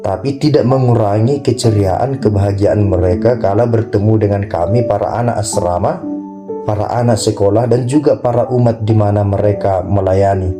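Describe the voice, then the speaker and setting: A man's voice: lowish voice, normal speed. A young adult man, a Capuchin friar, giving a friendly, earnest testimony of his vocation. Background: guitar music.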